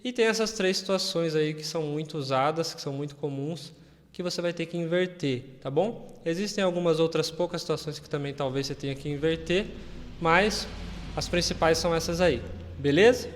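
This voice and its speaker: A man's voice: on the high side, brisk, big-room sound. A Brazilian man teaching English in a casual video lesson, chatty and often checking that viewers follow. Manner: chatty, keeps checking in with listeners.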